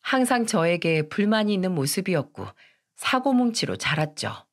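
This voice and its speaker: A woman's voice: fairly low pitch, very animated, moderate pace. A woman narrating a family story in a confiding, reflective way.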